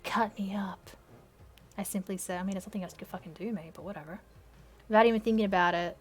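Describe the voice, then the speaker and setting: A woman's voice: medium pitch, very fast, soft background music. A woman reading her old fan story aloud, stopping often to mock it with sarcastic, sweary asides. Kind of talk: reading aloud with mocking commentary.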